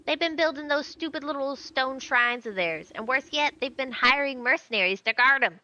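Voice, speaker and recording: Storybook creature, female performer: cackling, crackly, cheeky haggler, folksy speech, bright and forceful. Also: sits high, moderate pace, highs cut off. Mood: wheedling, scheming. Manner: folksy ungrammatical wheedling. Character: cackling, haggling shiny-hoarding tree creature, rustic and cheeky.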